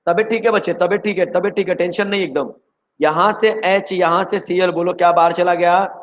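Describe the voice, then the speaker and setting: A man from India teaching chemistry in an energetic online exam-prep lecture, who keeps quizzing his students. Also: high voice, a little fast, lo-fi sound.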